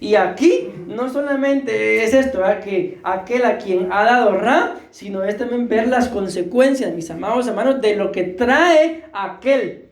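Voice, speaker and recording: Pastor guy preaching, high voice, kinda out of breath, jokes around, roomy church echo. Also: a little slow. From Costa Rica. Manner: conversational, jokey preaching with questions to the congregation. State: short of breath. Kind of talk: sermon. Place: church hall.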